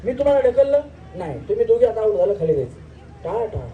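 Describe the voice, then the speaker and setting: High-voiced Marathi man hosting a village game show. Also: big pitch swings, fast talker, phone-quality sound. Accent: Marathi, rural Maharashtra. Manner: teasing, loud calls, counting out games. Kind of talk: joking game commentary at a live village event. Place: outdoor village stage event. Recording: distant outdoor mic, faint noise.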